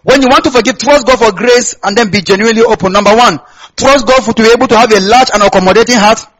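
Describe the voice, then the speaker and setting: Male sermon voice, Nigerian Hausa accent, high and rough-edged, conversational delivery with repetition and call-out questions. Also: fast talker, fairly bright tone, low-quality recording. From Kaduna State, Nigeria. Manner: conversational, repeats phrases, asks listeners to complete or confirm lines. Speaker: preacher. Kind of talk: sermon to a congregation.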